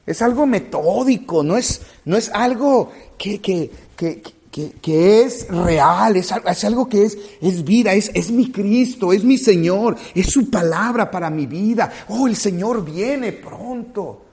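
A man's voice: high-pitched, a little slow, few pauses, slightly rough. A man preaching a sermon as a pastor, speaking straight to the congregation and acting out small scenes. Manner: animated preaching, acts out little scenes, addresses congregation directly.

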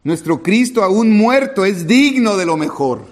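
High-voiced man preaching a sermon. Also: slow. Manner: animated preaching, acts out little scenes, addresses congregation directly. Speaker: pastor.

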